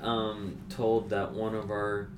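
A young man co-hosts a casual podcast in a halting, laid-back way. His voice is on the low side, with a crowd murmuring behind him. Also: completely flat delivery, poor audio. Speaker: podcast co-host.

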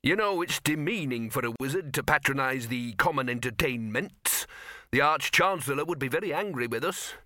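A man's voice: medium pitch, animated, normal speed, pushed and bright, no echo, clean studio sound, voice pushed up. A man doing a pompous wizard dean. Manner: pompous, lecturing. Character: pompous stuffy male university dean wizard.

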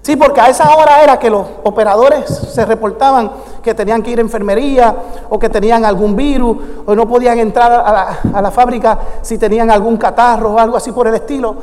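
A male pastor with an unusually high voice tells stories from the pulpit and builds them into fervent, shouted calls to the congregation. His words ring through a church sanctuary with a long reverb. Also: fairly even intonation, fairly quick. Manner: fervent preaching that swells into shouted exhortation. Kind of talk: sermon with storytelling.

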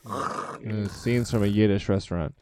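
A man's voice: lowish voice, fairly even intonation, a little slow, crowd noise. A man co-hosting a casual podcast chat from home, joking, teasing and rambling loosely. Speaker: podcast co-host and band member. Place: home, over a video call.

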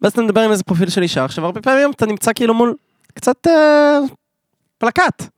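A man's voice: very high voice, no room sound, clean studio sound. A man co-hosting a podcast, chatting casually and telling stories with lots of acted-out dialogue. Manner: animated storyteller, acts out dialogue. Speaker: podcast co-host. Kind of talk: casual chat.

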